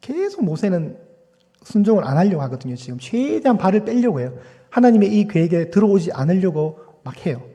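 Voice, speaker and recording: Man, pastor, sermon in a church, high voice, mellow tone, rhetorical questions. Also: very animated, a little fast, big-room sound, dull audio. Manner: conversational preaching with rhetorical questions to the congregation. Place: church sanctuary.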